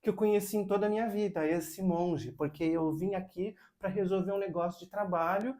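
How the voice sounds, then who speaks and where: A man's voice: sits high, steady tone, a little fast, dark tone, pitched above the performer's own voice, lightly acted. A man voicing an overwhelmed, tearful man who rambles in a raised voice. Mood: bewildered. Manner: raised, breathless, rambling speech.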